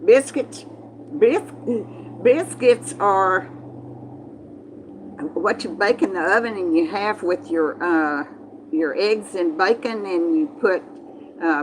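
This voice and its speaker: A livestream host from Texas, in the southern United States, speaks slowly at a medium pitch in a Texas Southern accent. She chats casually and folksily with live viewers, wandering off topic and frequently repeating herself. The recording is low quality, with slight background noise.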